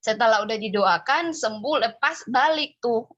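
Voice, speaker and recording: A woman's voice: fairly high pitch, lively intonation, moderate pace, fairly bright tone, muffled recording. A young woman from Sumba, Indonesia, calling in to share a personal testimony in a casual storytelling way, with many fillers. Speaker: caller sharing a testimony.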